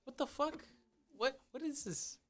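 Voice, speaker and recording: A man's voice: very high-pitched, a little slow, crowd noise. A man of Nicaraguan background in a casual chat, cracking dry, skeptical jokes. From Nicaraguan parents.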